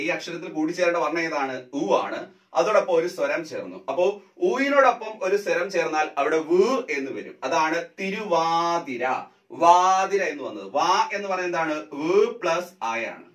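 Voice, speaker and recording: A male teacher giving an exam prep lesson, drawing out each word part slowly as he drills the rules. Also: on the high side, expressive, fairly bright tone, reverberant, distant mic. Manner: slow, drawn-out drilling of word parts.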